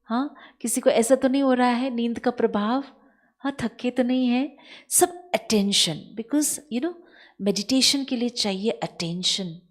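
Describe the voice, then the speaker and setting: Slow, animated woman meditation teacher. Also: on the high side. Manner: animated, questions the audience often. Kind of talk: spiritual lesson with storytelling.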